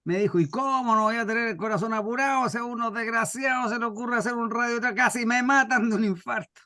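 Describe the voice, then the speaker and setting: With a very high, bright and forceful voice at a quick pace, a middle-aged Chilean radio drama scriptwriter and workshop speaker introduces himself to a group. He tells anecdotes informally with somewhat hesitant phrasing, recorded dry with clean studio sound.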